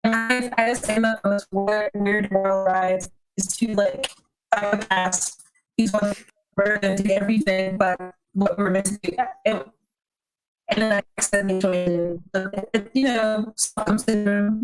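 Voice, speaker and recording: A woman's voice: mid-range voice, level tone, a little slow, rough recording. South African woman over guitar music. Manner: apologetic, self-mocking. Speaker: podcast guest. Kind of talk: casual chat. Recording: music playing behind.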